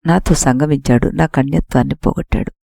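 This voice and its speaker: A woman's voice: low-pitched, brisk, creaky, warm tone, dry recording, clean studio sound, full character voice. A woman voicing a young princess grieving in shame, read as part of an audiobook story. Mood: anguished. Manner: grieving, self-reproaching.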